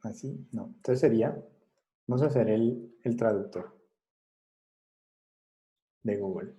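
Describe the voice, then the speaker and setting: A man teaches a class online over a video call. His voice is dark and mellow, and he speaks slowly. He stops and restarts often and keeps checking in with short questions. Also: lowish voice, low-quality recording. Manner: halting, with many fillers and restarts. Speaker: psychology lecturer.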